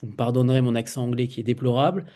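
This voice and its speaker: Male host of a book chat, mellow warm tone, measured questioning. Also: mid-range voice, fairly even intonation. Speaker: interviewer host. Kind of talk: literary interview questions.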